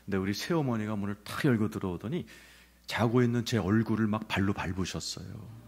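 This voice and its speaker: A middle-aged man preaching a sermon with personal testimony, telling his story with animated, acted-out scenes. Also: fairly low pitch, a little fast, vocal fry, husky. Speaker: pastor.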